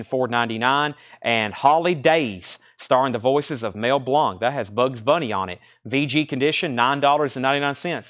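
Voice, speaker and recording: A man's voice: mid-range voice, a bit bright. Man calling out a live auction sale. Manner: auctioneer-style calling of lots, prices, bids and names. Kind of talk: live sales patter, unscripted.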